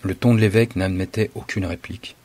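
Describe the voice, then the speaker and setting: A man reading a story aloud in a dramatic, measured narration. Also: sits low, steady tone, darkish tone, slightly rough, no room sound.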